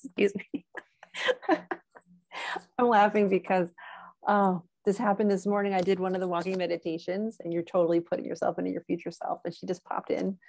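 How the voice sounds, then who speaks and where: A woman's voice: fairly low pitch, flat delivery, brisk, gravelly, a little mellow, dry recording. A woman chatting as a guest on a podcast, talkative and giggly, with lots of ums and likes. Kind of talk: casual conversational interview.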